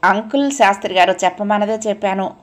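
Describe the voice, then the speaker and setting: A woman's voice: medium pitch, fast talker, lightly acted. Woman voicing a timid, polite young woman.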